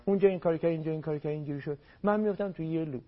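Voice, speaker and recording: A man on a radio program as a family counselor, giving marriage advice in an emphatic way and repeating words for stress. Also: a little high. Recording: dull lo-fi radio broadcast.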